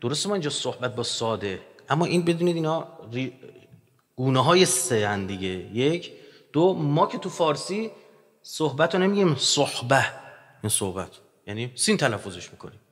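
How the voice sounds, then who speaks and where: A man giving a religious lecture in an animated, joking manner, his voice rising loud and dropping quiet. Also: mid-range voice. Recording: long hall reverb.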